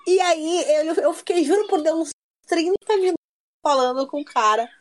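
A woman, telling a story in casual chat with a mocking, lively manner. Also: very high-pitched, moderate pace. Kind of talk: casual chat about gaming.

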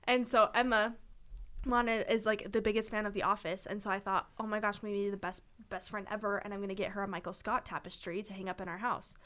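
A young woman co-hosting a casual podcast chat, telling stories in an animated way with frequent laughter. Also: mid-range voice, brisk. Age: young adult. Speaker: podcast co-host.

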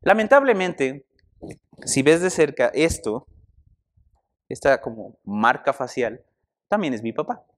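A man's voice: medium pitch, unhurried, long pauses. A young man, preaching a conversational sermon and asking the congregation questions. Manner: animated, conversational, asks the audience questions.

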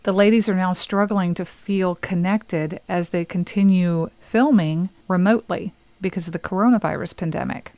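Woman cohost reading celeb news, casual, smooth voice, dry mic. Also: on the low side, moderate pace, few pauses, darkish tone, dry recording. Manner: reads news items aloud, chatty asides. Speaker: podcast co-host.

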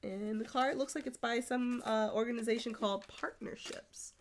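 A woman's voice: on the high side, steady tone, normal speed, a little hiss or hum. A woman co-hosting a casual chat, playful and teasing. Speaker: podcast co-host.

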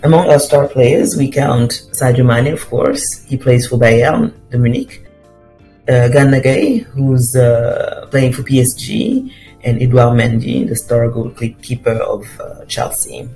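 Senegalese-accented man, mellow voice. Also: mid-range voice, unhurried, soft background music. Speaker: guest contributor. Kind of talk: informal prepared talk to listeners.

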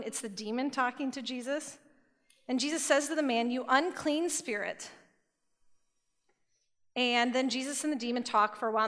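A woman giving a sermon to a youth group, retelling scripture stories in a lively, casual storytelling way. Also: high-pitched. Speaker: youth speaker. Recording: long hall reverb.

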